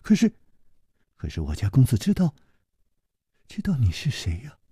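A man's voice: medium pitch, wildly swooping pitch, moderate pace, mellow, husky, no echo, clean studio sound, pitched below the performer's own voice, heavily acted. A male storyteller voicing a timid young male servant who stammers and pleads tearfully. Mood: tearful, stammering. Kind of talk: storytelling with character voices.

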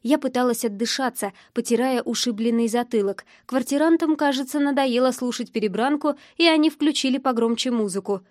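Brief: woman audiobook narrator, first-person drama, fairly high voice, dry close sound. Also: a little fast, hardly any pauses, darkish tone, no room sound. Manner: tense, emotional storytelling.

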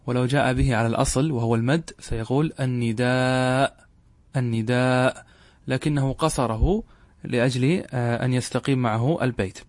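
Man, middle-aged, mid-pitched, patient classroom explainer who repeats points; dry sound. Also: darkish tone, no room sound. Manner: measured, repeats key points, asks rhetorical questions. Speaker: Arabic grammar teacher. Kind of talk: classroom lesson explaining a text.

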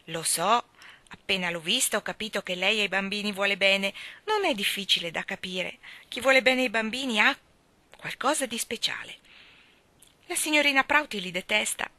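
A woman's voice: mid-range voice, sharp tone, no echo. A woman reading the part of a fussy, doting mother who chatters in a gushing, breathless way.

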